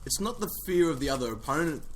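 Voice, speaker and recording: A man's voice: on the high side, lively intonation, fast, slight background noise. An Australian man co-hosting a casual chat, rambling and opinionated, arguing his point in restarts. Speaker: podcast co-host.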